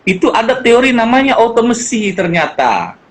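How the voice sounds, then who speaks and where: A middle-aged guest speaker chats casually about parenting, animatedly acting out quoted dialogue in changed voices. His voice is very high at a moderate pace, and the audio is poor, with a little hiss or hum.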